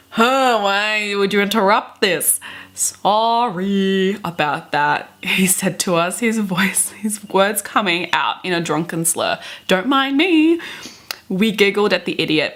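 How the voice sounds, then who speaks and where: With a fairly low, fairly bright voice, this twenty-something book vlogger gives a giggly, theatrical reading of fan fiction from her bedroom. She keeps interrupting herself with gushing, chatty remarks.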